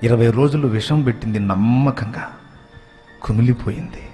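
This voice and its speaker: A male preacher narrating a story in a sermon, building to loud, raised emphasis. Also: normal speed, soft background music. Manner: dramatic narration rising to loud, high emphasis.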